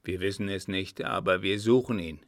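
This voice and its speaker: A man playing a worried old coachman in a storybook, low and cautious. The voice is gravelly and slow, recorded close and dry. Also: dry recording. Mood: sorrowful. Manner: anxious, hushed, cautious.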